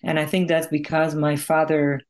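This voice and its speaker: Being interviewed as a singer-songwriter, a woman from Israel talks in a low-pitched, flat voice at an ordinary pace. She comes across as reflective, walking through her reasoning with care in a conversational style.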